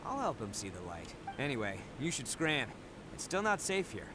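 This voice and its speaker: Video game hero, acted by a man: cocky young man, good-hearted, boastful, very lively intonation. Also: medium pitch, normal speed, lightly acted. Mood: confident. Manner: boastful, flustered by praise. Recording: noisy ambience behind.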